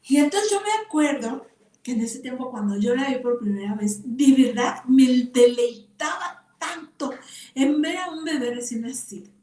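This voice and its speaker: An older woman, teaching a Bible class to women and telling personal stories with lively exclamations. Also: sits high, normal speed. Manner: expressive storytelling with exclamations and laughter. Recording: echoey room from far off.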